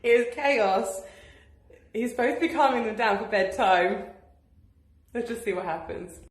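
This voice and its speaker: A woman's voice: a little high, a little slow, roomy sound. Upbeat chatty woman vlogging. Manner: chatty and upbeat, laughs often. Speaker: vlogger and business owner. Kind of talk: casual daily vlog. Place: at home, indoors.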